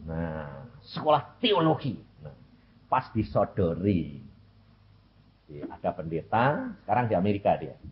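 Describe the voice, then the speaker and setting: Animated preacher guy, lilt, voice swoops up and down, kinda lo-fi sound. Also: sits low, measured pace. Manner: animated, rhetorical questions to the audience. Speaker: preacher giving testimony. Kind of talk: storytelling sermon. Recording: lo-fi recording.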